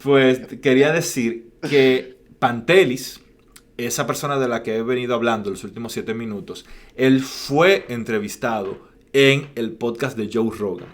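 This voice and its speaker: A man's voice: medium pitch, measured pace. A man, co-hosting a casual podcast chat, playful and storytelling. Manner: playful, storytelling, frequent "ujú" backchannels. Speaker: podcast co-host. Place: lives in Canada, remote call.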